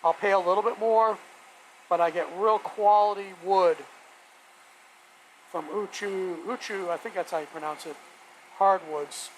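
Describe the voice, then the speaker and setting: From his home woodworking workshop, a hobbyist streams live, thinking out loud in a relaxed, folksy ramble while he works. His mid-range voice is unhurried with long pauses, and the poor audio has a shop vacuum droning constantly in the background.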